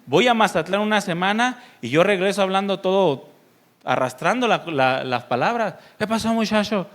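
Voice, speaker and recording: Mexican pastor preaching, fairly high voice. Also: male voice, animated, normal speed, fairly bright tone. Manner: conversational preaching with questions to the congregation; mimics voices playfully. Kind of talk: sermon.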